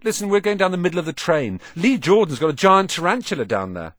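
A man's voice: sits high, big pitch swings, fast talker, a bit bright, dry recording, studio quality, voice pushed up. Fred and George, a man doing two cheeky boy twins. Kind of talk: audiobook reading, alternating two voices.

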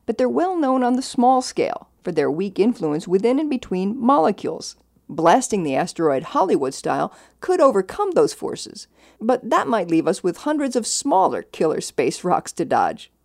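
A woman's voice: medium pitch, vocal fry, a little mellow. A woman hosting a short science podcast, reading scripted news in a punchy, playful way.

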